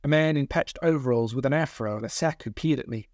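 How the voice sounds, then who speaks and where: A man reads his own novel aloud in a steady, measured first-person narration at a middle pitch. The voice sits close and dry, recorded in a studio with no room echo.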